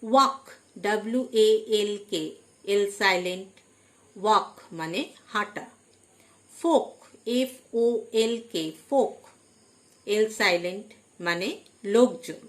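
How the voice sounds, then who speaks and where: Slow, deliberate woman teacher. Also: medium pitch. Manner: slow, deliberate, stresses each headword. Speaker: English teacher. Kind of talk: slow vocabulary lesson, spelling words letter by letter.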